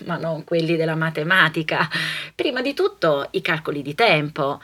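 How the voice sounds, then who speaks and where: A woman soprano delivering a comic monologue in a theatrical, ironic way. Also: moderate pace. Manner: theatrical, ironic, lively swings in pitch and loudness.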